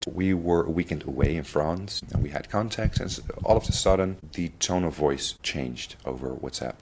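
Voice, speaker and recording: Low-voiced guy, talks in stops and starts, slight background noise. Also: darkish tone. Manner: halting, with restarts and fillers. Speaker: podcast guest sharing his family story. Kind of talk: candid interview talk.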